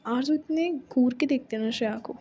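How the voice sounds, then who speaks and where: A woman's voice: high-pitched, a little fast, warm tone, breathy edge, highs cut off. A young woman telling a love story in a chatty, casual way, mixing Hindi and English with many asides. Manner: chatty, full of fillers and asides.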